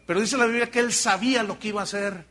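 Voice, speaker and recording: A man with a Mexican accent preaching a sermon as pastor, telling Bible stories with animated delivery and joking asides to the congregation. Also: sits high, fast.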